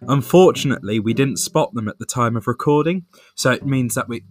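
A man's voice: mid-range voice, brisk, soft background music. A man co-hosting a podcast, chatting casually and hesitantly with many fillers over a remote call. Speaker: podcast co-host. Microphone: remote call mic.

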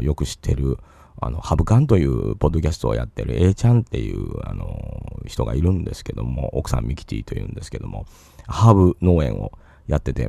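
A man with a Kansai accent talks through a casual solo podcast, drifting between topics and filling the gaps with small asides. His voice is low and gravelly, with a dark tone. The recording is close and dry. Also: no room sound. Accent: Kansai Japanese. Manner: rambling, chatty, full of fillers and asides. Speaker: podcast host.

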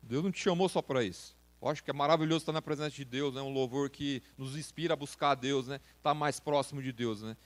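A man's voice: medium pitch, quick pace, hardly any pauses. A man preaching to a youth service in a casual, slangy way, speaking straight to his listeners. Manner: informal, slangy, direct address to listeners. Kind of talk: sermon.

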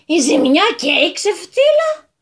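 A woman's voice: sits high, very animated, fairly bright tone. A woman voicing a hot-tempered, bossy male landowner who talks in a flustered rush in a radio story. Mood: indignant.

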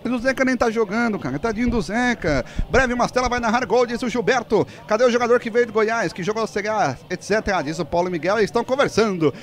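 Frantic high-voiced football announcer, man. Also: fast talker, few pauses. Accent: Southern Brazilian Portuguese. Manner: frantic goal-shouting, chanting and singing. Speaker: radio play-by-play announcer. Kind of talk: live football commentary.

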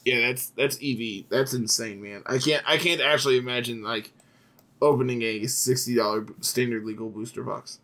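A man with an ordinary mid-pitched voice talks loosely on a podcast, laughing easily and tossing in "man" now and then. His delivery stays relaxed and conversational. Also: moderate pace. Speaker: podcast co-host. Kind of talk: casual card game chat.

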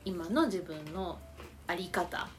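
Brief: woman podcast host, animated up-and-down delivery, casual chat, quick questions. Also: on the low side. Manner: laughs often, quick follow-up questions.

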